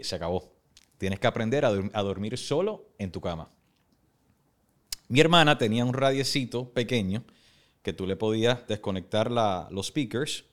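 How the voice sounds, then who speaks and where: A man who is a radio executive, a guest on a podcast, telling stories from his life in a relaxed, personal way. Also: medium pitch. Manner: relaxed, personal storytelling with English interjections. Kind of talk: casual interview storytelling. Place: podcast studio.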